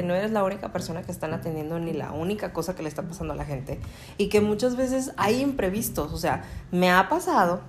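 A woman with a Mexican Spanish accent who runs a print shop, telling stories about her customers in a chatty way, full of fillers. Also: on the low side. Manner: chatty, many fillers, animated retellings. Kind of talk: casual storytelling.

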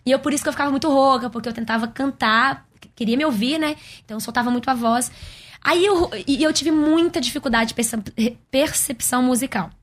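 A young woman with a Brazilian Portuguese accent talks as an interview guest, a worship singer. Her voice sits a bit high and the words come out quickly, in chatty bursts. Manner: quick, chatty storytelling with frequent laughs. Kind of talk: casual interview chat.

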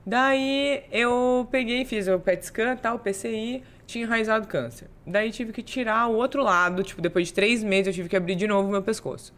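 A woman's voice: a little high, normal speed, few pauses, fairly bright tone. A young adult woman with a Brazilian accent, a guest on a casual podcast, telling her story and repeating words for emphasis. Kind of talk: casual interview chat.

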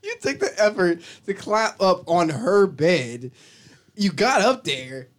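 A man chatting casually with friends, lively and profane, acting out scenes from his stories. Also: sits high, slow pace. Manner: lively, swears freely, acts out voices in his stories. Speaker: podcast co-host. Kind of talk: casual chat.

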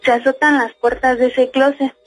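A woman's voice: high voice, flat delivery, normal speed, no echo, faint music behind. A woman caller with a Mexican Spanish accent telling a personal story in a chatty way, full of fillers. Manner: chatty, many fillers like "este" and "¿no?".

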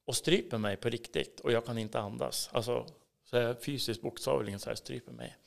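There's noticeable vocal fry in this man's mid-range voice as he, a guest with a Swedish accent, tells his faith story in a casual interview. Earnest and intense, he dips into whispers before swinging into emphatic bursts.

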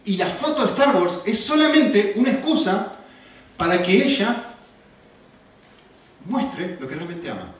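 The same kind of sermon comes slower here: a middle-aged pastor with an Argentine Spanish accent and a high voice pauses often between animated stories and rhetorical questions. The room echoes, and the mic sits far off.

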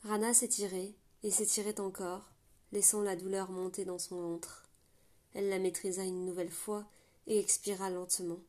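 A woman narrating a novel aloud with a steady, measured reading. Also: medium pitch. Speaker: audiobook narrator. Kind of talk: scripted storybook narration.

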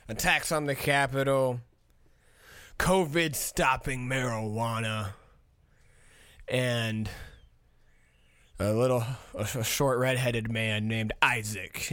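A man's voice: mid-range voice, a bit bright, clear, resonant tone, no echo. A man in his thirties from Minnesota, hosting a podcast in a casual, profane, chuckling ramble. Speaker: podcast host.

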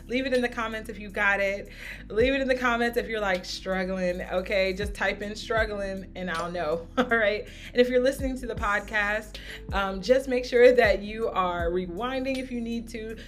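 A woman's voice: on the high side, normal speed, a bit bright. A woman vocal coach talks through a singing lesson in an upbeat, encouraging way. She explains each run and then sings a short example of it. Faint music plays underneath her voice. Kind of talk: singing lesson with sung demonstrations. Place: home studio podcast.

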